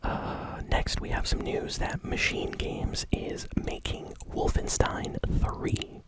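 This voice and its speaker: Delivering gaming news at a slow pace, this ASMR host keeps to a soft, unvoiced whisper throughout. The talk is informal and slightly hesitant, yet clearly eager and enthusiastic.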